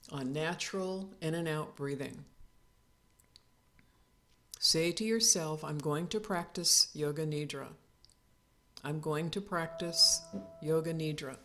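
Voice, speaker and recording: Leading a yoga nidra relaxation, a low-pitched female instructor offers calm, soothing guidance at an unhurried pace, leaving pauses along the way.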